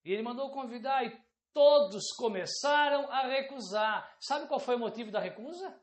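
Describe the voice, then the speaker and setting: A woman's voice: a little high, expressive, normal speed, roomy sound. A woman preacher delivering an emphatic sermon, often calling out rhetorical questions to the congregation.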